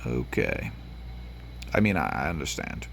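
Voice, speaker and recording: An extremely low, gravelly, somewhat bright voice with big pitch swings comes at a measured pace, with a faint hiss or hum. He's a Tennessee gaming host speaking in his home accent, rambling casually over gameplay with many fillers and restarts, sniffly from allergies.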